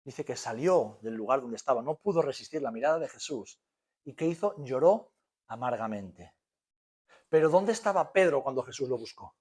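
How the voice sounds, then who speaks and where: A middle-aged man with a Spanish accent preaching a sermon to his congregation, swinging between loud emphasis and soft hushed moments and tossing out rhetorical questions. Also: medium pitch, breathy edge. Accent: Spain. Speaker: pastor. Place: church hall.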